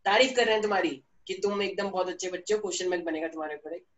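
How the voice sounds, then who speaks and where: A man's voice: high-pitched, very fast, a bit bright, dull audio, a little hiss or hum. Playful Hindi-speaking man teaching kids. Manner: playful, teasing, storytelling with students. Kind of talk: online class lecture. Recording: echoey room, voice from a distance.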